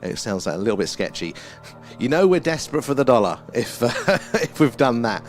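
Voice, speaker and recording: Lively Essex man hosting a livestream. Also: mid-range voice, brisk, soft background music. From Essex, England. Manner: rambling, conversational, often ends phrases with "there". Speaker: livestream host. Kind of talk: casual live commentary, answering chat.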